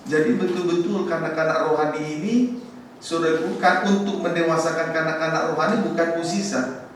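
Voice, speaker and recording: Emphatic pastor in a booming hall. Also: male voice, steady tone, a little fast. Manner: emphatic, repeats scripture lines and calls back to the congregation. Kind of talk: sermon. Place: church hall. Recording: very echoey church hall, mic far off, faint noise.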